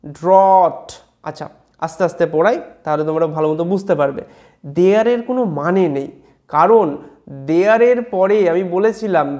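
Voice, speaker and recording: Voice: medium pitch, darkish tone. Bengali-accented teacher explaining word by word. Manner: explains slowly word by word, often asks "ঠিক আছে?". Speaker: English teacher. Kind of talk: online English reading lesson.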